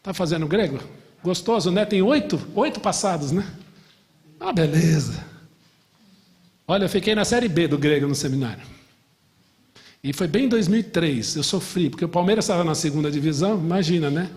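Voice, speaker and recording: A man from Brazil, a middle-aged pastor, teaching a lively Bible class, asking the class questions and joking. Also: fairly high pitch, brisk, long pauses, big-room sound. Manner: animated, asks the class questions and jokes.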